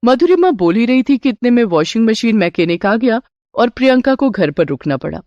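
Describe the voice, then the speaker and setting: A narrator telling a cartoon moral story in a steady, scripted way. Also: medium pitch, a little fast, no room sound, highs cut off.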